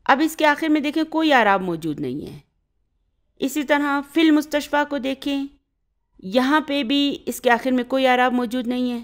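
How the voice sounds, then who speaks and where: A slightly high-voiced woman, a native Urdu speaker, teaches Arabic grammar with lively intonation. She walks through each point step by step and keeps checking that her students follow along.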